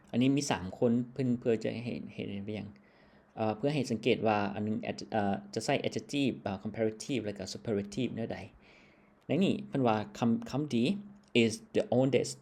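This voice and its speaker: A man's voice: on the low side, warm tone. A man from Laos teaching English grammar in a patient lesson style, checking in with a short tag word after nearly every phrase.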